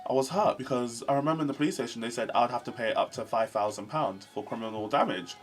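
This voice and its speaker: Young man, storytime vlog, animated, jumps into voices for every quote. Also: mid-range voice, quick pace, hardly any pauses, soft background music. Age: 20s. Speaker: vlogger. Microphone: camera mic.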